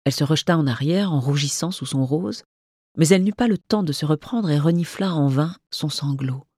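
Audiobook narrator, measured storytelling, mid-pitched voice, close dry recording. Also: darkish tone, no echo. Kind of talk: literary audiobook reading.

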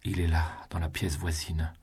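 A man voicing a passionate young noblewoman, speaking in sharp, rising outbursts. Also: deep voice, steady tone, measured pace, husky, exaggerated voice. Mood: distraught.

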